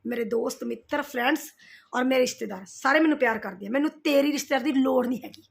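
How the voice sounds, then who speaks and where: Speaking fast in a high, gravelly voice, this middle-aged woman delivers a heated rant directly to the camera. She's a vlogger answering her roasters, scolding them confrontationally and going over the same points again and again.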